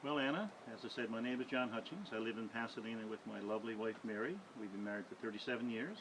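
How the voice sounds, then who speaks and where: A retired man, giving a steady, measured interview answer. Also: on the low side. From Newfoundland. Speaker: council candidate. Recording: noisy background.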